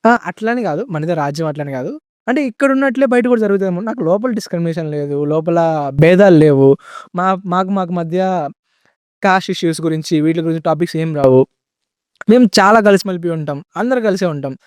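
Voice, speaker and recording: A young man speaks in a relaxed podcast conversation, dropping "bro" and English words into his talk. He talks quickly in a slightly high voice. The sound is dry and close. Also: smooth, dry recording. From India. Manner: chatty, says "bro" often, mixes in English words. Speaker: guest. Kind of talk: casual podcast storytelling.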